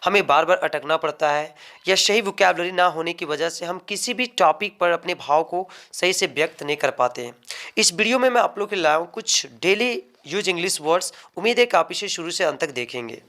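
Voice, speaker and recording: A man teaching vocabulary, slowly repeating each word and explaining it. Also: sits high, expressive, bright, forceful tone. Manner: slow, drawn-out word drills with Hindi explanations. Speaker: English teacher. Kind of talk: vocabulary lesson.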